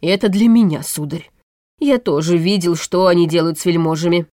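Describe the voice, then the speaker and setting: A tired old chancellor from an audiobook, read by a woman, hesitant and gloomy, near to tears. His voice sits rather low, and the recording is dry and close. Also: moderate pace, mellow, dry recording, close to an everyday voice. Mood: anxious. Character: weary, anxious older male chancellor.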